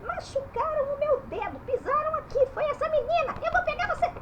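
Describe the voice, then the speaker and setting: Squeaky, whiny talking-letter puppet for a kids' lesson, voiced by a woman, sliding up and down in pitch. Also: animated, a little fast, background noise. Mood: complaining. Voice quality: high and squeaky. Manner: whiny and complaining.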